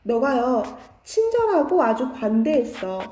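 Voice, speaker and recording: A woman teaching an English grammar lesson, explaining slowly and restating each phrase in simpler words. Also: high voice, very animated, dark tone, reverberant. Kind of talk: online grammar lecture.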